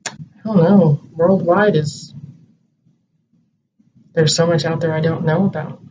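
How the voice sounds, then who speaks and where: A man's voice: on the high side, fairly even intonation, a little slow, warm tone. A man chatting casually as co-host, rambling and hesitant as he thinks aloud. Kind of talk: casual chat. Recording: distant muffled home recording with light hiss.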